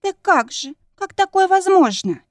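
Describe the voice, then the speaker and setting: Brief: high, trembling, tearful young girlfriend, read by a woman, dry close audiobook sound. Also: sing-song, normal speed, dark tone, no echo. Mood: frightened. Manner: trembling, high-pitched, near tears.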